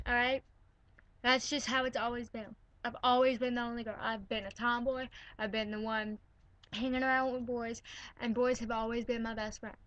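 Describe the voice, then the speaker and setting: A woman's voice: on the high side, little pitch movement, normal speed, a bit bright, dry recording, lo-fi sound. A teenage girl ranting from her bedroom in an indignant, sarcastic way, filling her talk with "like" and "all right?". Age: teens. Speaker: vlogger. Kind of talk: ranting to camera.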